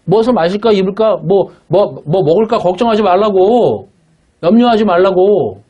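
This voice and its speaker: A man's voice: high voice, expressive, moderate pace, mellow, breathy edge, muffled recording. A man preaching a sermon as pastor, emphatic and blunt, often asking the congregation "예?" to check they follow. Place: church worship room.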